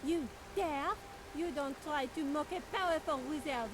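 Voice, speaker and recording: A woman's voice: high-pitched, normal speed, lightly acted. A woman voicing a boastful, threatening female wizard thief with a French accent and grandiose insults in a video game. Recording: hissy audio with rain noise.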